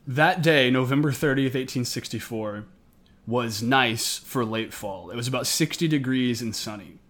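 A man narrates history as a podcast co-host. His voice sits at an average pitch, and he follows a semi-scripted account. He is recording indoors, up in the attic of an old house. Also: moderate pace, a bit bright. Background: air conditioning may be running.

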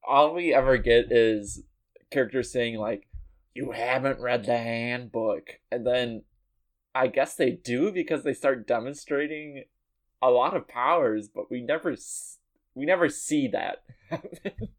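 A man co-hosting a casual podcast, laid-back and quick to laugh. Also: medium pitch. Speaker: podcast co-host.

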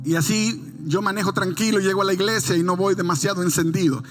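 A middle-aged man preaching a sermon in church, building emphatic, stressed lines and shifting into casual storytelling, with faint music behind. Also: sits high. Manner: tells a family anecdote in quick, casual storytelling. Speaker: pastor.

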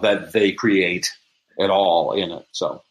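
A man with a low voice speaks slowly over poor-quality audio. He is an interview guest who makes props and audio dramas, and he explains things casually, often restarting and doubling his phrases.

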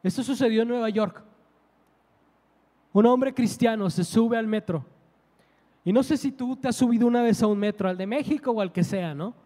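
Preacher guy, really high voice, storytelling sermon, big hall echo. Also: normal speed, long pauses. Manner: storytelling, emphatic, rising to loud preaching.

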